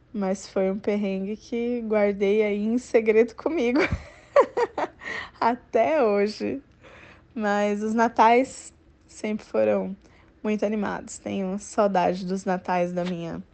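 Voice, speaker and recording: A woman telling a personal Christmas story in a relaxed way. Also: mid-range voice.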